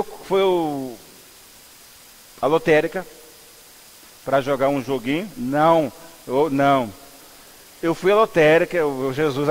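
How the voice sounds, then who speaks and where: Brief: Brazilian male pastor, fairly high voice, chatty storytelling sermon, long church reverb. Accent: Brazilian Portuguese. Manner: conversational, animated storytelling with asides to the congregation. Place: church sanctuary.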